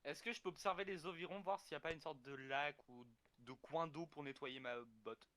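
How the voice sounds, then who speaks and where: A man in a casual tabletop role-playing session, his voice a touch high and bright. He hesitates and fills his turns with little fillers, then breaks into sudden shouts. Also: brisk. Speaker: player.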